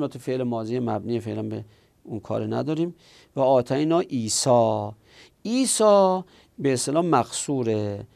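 A man's voice: mid-range voice, creaky, darkish tone, dry recording. A man teaching Arabic grammar in a lesson, explaining step by step and answering his own questions.

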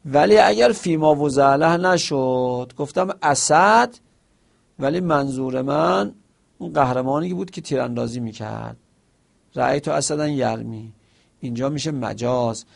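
A man with a gravelly, expressive, mid-range voice teaches a seminary lesson in Persian, weaving in short quoted Arabic phrases. He explains through examples and poses questions to himself.

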